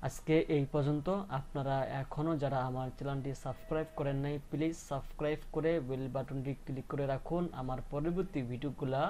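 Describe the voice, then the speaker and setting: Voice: mid-range voice, fairly even intonation, fairly quick, few pauses, dark tone, a little hiss or hum. Patient teacher spelling out syllables. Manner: patient and repetitive, spells out syllables, checks understanding. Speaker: Quran reading teacher. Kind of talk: step-by-step recorded lesson.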